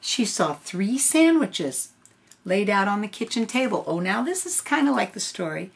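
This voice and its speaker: Older woman, grandma storyteller, unhurried, lively pitch swings over a creaky voice. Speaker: grandmother reading a picture book aloud. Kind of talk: storybook read-aloud with casual asides.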